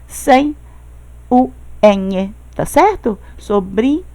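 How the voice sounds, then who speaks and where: Uma professora brasileira de espanhol, que explica devagar e sempre confere com os alunos. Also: female voice, a little high, expressive, dark tone. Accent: Brazilian Portuguese. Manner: explains slowly, checking with "tá certo?". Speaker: Spanish teacher. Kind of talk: recorded online class.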